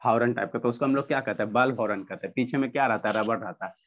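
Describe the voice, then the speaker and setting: A man's voice: medium pitch, very fast. Teacher, male, online class over a dull video call line, asks and answers his own questions, drills each point.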